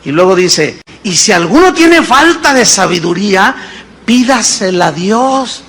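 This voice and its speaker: A man's voice: high voice, big pitch swings, a little slow, pushed and bright, a little hiss or hum. A man, preaching a sermon as pastor, emphatic, with rhetorical questions and acted-out dialogues. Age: 50s.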